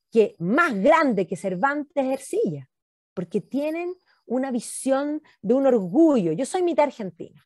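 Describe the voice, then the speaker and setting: A Chilean woman historian giving an animated talk, emphatic and insistent, repeating words for effect. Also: high-pitched, no room sound, studio quality.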